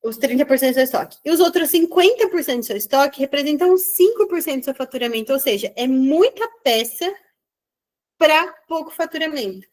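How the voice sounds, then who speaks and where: High-voiced chatty woman mentor. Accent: Brazilian Portuguese. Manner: chatty, animated storytelling with quick asides. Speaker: business mentor. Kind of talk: online mentoring session.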